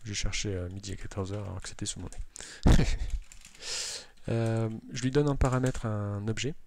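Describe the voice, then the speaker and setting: Low gravelly man coding aloud. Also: steady tone, moderate pace, darkish tone. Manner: thinks aloud, many hesitations and restarts; self-mocking asides with laughs. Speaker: Java developer. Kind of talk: live coding tutorial. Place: at a computer, indoors.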